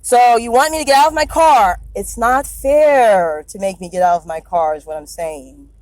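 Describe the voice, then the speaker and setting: The audio is poor though echo-free as a woman records her own police stop from inside her car. Her rather high, darkish voice is expressive at a normal pace, and she anxiously rambles, stammers, and deferentially says things again.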